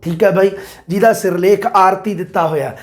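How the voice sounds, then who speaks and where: A man, an exam-prep teacher explaining multiple-choice answers and quoting verses slowly. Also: sits high, fairly even intonation. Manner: addresses listeners as "bai", quotes verses slowly.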